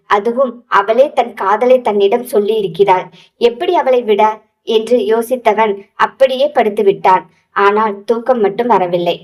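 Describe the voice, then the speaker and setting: A woman reading a romantic audio novel aloud as narrator, in a steady, even storytelling manner. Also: a little high, distant mic, poor audio.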